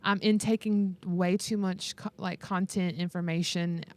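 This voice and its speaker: Unhurried and steady, a podcast co-host with a lowish voice keeps things casual and conversational as she chats.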